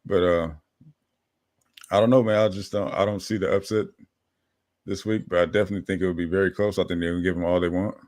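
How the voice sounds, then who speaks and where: Male podcast host, low voice, relaxed hedging sports talk. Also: quick pace, pauses often, no echo. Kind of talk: casual sports chat.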